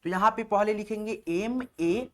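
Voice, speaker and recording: A patient male teacher walks his viewers through a spelling lesson, spelling words out slowly one letter at a time. He repeats himself often and keeps checking that his students are following, in a close voice-over. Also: sits high, fairly bright tone. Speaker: online English teacher.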